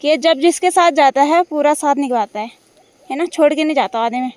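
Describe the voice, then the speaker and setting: A woman's voice: high voice, fairly quick, darkish tone. Chatty young woman vlogging outdoors. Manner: chatty, explaining to viewers while cutting grass. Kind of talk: casual vlog narration. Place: outdoors in hill farm fields.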